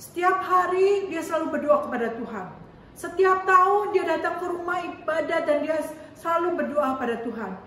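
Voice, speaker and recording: High-voiced woman telling kids a Bible story. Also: moderate pace. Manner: animated, talks to kids with many "ya" and "nih". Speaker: Sunday school teacher. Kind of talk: storytelling to children. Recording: very echoey room, distant mic, faint noise.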